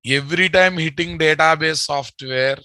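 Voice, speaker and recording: A man's voice: on the high side, normal speed, pushed and bright, dry recording, clean studio sound. A man with a Telugu Indian accent giving an informal programming lecture, repeating phrases and addressing his students directly. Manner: informal, repetitive, addressing students as guys and boss. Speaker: programming teacher.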